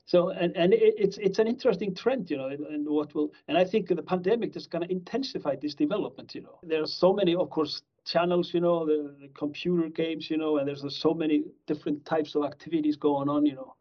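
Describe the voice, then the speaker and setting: The speaker, a middle-aged criminology professor from Iceland, talks fairly quickly in a slightly high voice with hardly any pauses. As an interview guest he rambles conversationally, full of fillers and restarts, on a somewhat dull lo-fi recording.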